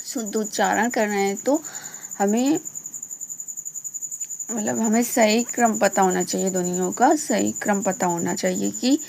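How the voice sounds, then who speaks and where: A woman's voice: medium pitch, gravelly, a little mellow. A woman teaching an exam-prep language lesson, repeating each definition and then explaining it again in simpler words.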